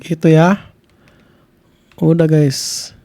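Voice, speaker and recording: A young man with a high, light voice talks loosely through a live tutorial, full of slang and quick asides. He rambles and answers viewer questions as they come, in an easygoing streamer way. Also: little pitch movement, mellow. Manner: slangy, rambling, reads chat questions aloud. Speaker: streamer teaching video clipping. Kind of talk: casual live tutorial chat.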